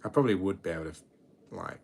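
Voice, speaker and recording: A twenty-year-old man with a British accent, hosting a chatty, low-key late-night livestream and rambling with frequent restarts. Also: lively intonation, quick pace, vocal fry, breathy edge. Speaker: livestream host.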